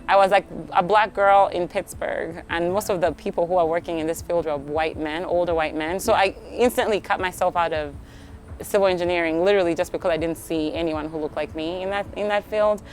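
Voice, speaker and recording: A young Ugandan woman who coordinates a tree program answers interview questions as a guest outdoors at a tree nursery. Her voice is on the low side, she's chatty and reflective and says "like" a lot, with slight background noise.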